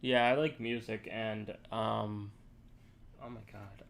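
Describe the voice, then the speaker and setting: Low-voiced man rambling on a coding stream. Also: steady tone, a bit bright. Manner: rambling, halting, thinking aloud. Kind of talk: live coding stream chat. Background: keyboard typing.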